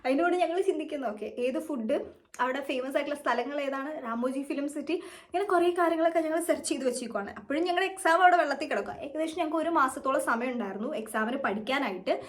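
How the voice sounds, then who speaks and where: A woman's voice: high voice, racing. A young woman with a Malayali accent, telling her own story to camera in a chatty, rambling way and mixing English words into her speech. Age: young adult. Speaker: vlogger.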